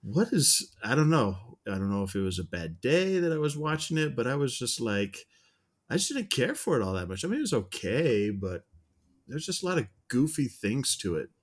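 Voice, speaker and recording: A man's voice: mid-range voice, big pitch swings, fairly quick. A man co-hosting a podcast, casually reviewing a film and rambling through his thoughts with many restarts and hedges. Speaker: podcast co-host reviewing films.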